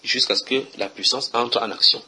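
Bright-voiced preacher man. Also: medium pitch, normal speed, slightly rough. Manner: conversational, questions listeners while reading verses. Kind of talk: house-church Bible teaching.

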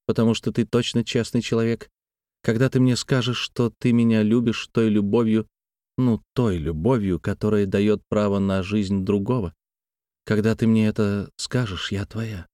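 A man reading a young woman's lines in a story, speaking with bright, quick exclamations. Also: lowish voice, fairly even intonation, dry recording, studio quality, close to an everyday voice. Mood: earnest. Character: young woman, lively, earnest and teasing.

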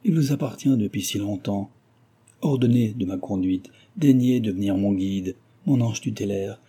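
A man voicing a passionate young gentleman suitor, speaking in a fervent, imploring and formal way. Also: on the low side, moderate pace, breathy edge. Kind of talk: audiobook character reading.

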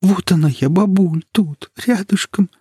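A frightened young woman, voiced by a man pleads urgently through tears. Her tone is raised and husky, with a dry close sound. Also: mid-range voice, fairly even intonation, brisk, darkish tone, no echo, voice pushed up, close to an everyday voice. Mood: frightened, imploring. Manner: urgent, imploring. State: crying. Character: young granddaughter maid, frightened and tearful.

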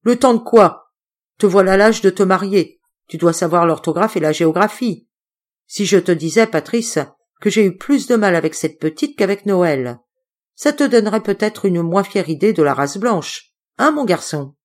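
A woman voicing a gruff scolding old uncle. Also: mid-range voice, lively intonation, normal speed, voice pushed up, natural voice. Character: gruff bossy old uncle, quick-tempered.

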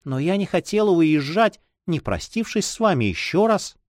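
A man's voice: high voice, big pitch swings, normal speed, a little mellow, no room sound, clean studio sound, voice pushed up. A man reading a timid, sad sixteen-year-old girl in an audiobook, with a sorrowful, trembling manner.

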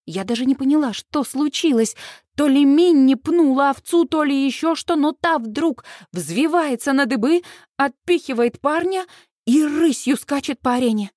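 A woman reading a first-person audiobook with lively, expressive narration. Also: sits high, normal speed, dry recording, clean studio sound.

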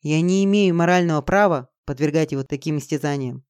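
A man's voice: a little high, fairly quick, darkish tone, clear, resonant tone, dry recording, natural voice. A reader voicing Jeff, a smug, arrogant male wizard who lectures and gloats in an audiobook. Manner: lecturing, triumphant.

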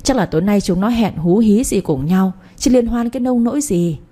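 Woman playing a scornful older mother-in-law, shrill and nagging, warm low-toned voice. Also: animated, normal speed, breathy edge. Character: sharp-tongued scolding older mother-in-law.

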